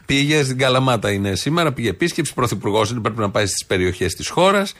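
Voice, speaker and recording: A man's voice: medium pitch, very animated, fairly bright tone. A man co-hosting a talk show, chatting casually and mocking politics with sarcastic asides. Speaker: radio show co-host. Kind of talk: casual satirical political banter.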